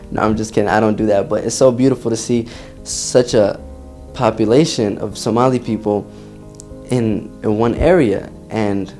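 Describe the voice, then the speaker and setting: A man's voice: lowish voice, measured pace, a little mellow, faint music behind. A man speaking playfully, joking in an interview. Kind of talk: interview testimonial.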